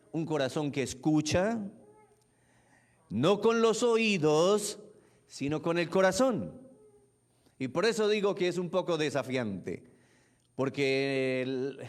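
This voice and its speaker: Male pastor, sermon, slow deliberate delivery, fairly high voice, repeats phrases, asks the congregation questions.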